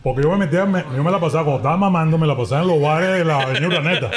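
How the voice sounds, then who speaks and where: Animated Venezuelan sports commentator. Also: male voice, fairly high pitch, racing, crowd noise. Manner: animated anecdotes, acts out quoted voices. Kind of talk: casual storytelling.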